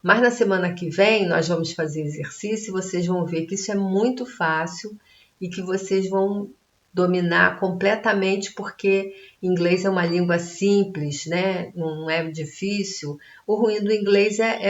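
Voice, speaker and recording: Lady teacher going thru a lesson slow and patient, echoey room, kinda muffled audio. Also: lowish voice, fairly even intonation. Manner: patient, explains step by step with frequent "né?" and "tá?". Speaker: English teacher. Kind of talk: classroom video lesson. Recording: roomy, dull lo-fi recording.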